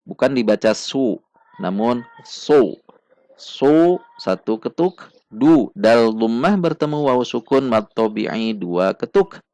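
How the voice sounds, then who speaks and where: Unhurried male tutor, gravelly and precise, drilling syllables. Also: medium pitch, expressive, a little mellow, no echo. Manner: patient, repeats syllables slowly and precisely. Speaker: Quran recitation teacher. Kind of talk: step-by-step tajwid lesson with recited examples.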